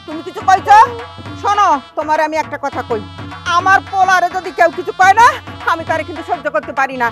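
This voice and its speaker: An actress playing a fierce, sarcastic village mother-in-law who scolds loudly. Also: extremely high pitch, fast talker, music in the background. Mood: scolding. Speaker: mother-in-law in a comedy drama.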